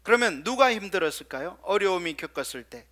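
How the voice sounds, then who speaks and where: A male pastor preaching a sermon, firing rhetorical questions at the congregation and dropping into soft, quiet asides. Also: sits high, expressive, fairly quick.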